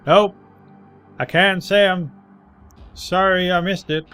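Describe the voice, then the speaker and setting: A man's voice: sits high, steady tone, slow, fairly bright tone, clear, resonant tone, soft background music, pitched above the performer's own voice. A man voicing a blunt, suspicious old homeless man from a video game, irritable and slangy. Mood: matter-of-fact. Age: older. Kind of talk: video game character read aloud.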